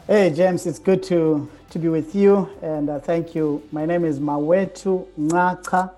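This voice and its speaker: Mellow South African man in his forties. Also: fairly high pitch, steady tone, a little slow, faint music behind. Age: 40s. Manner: thoughtful, hesitant, many "uh"s. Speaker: curate, interview guest. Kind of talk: casual interview.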